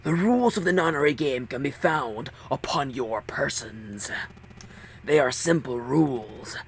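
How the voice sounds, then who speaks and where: A man voicing a cold, eerie masked captain of a deadly game, speaking slowly and harshly, at times half-whispered. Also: medium pitch, expressive, gravelly, a little hiss or hum. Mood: menacing.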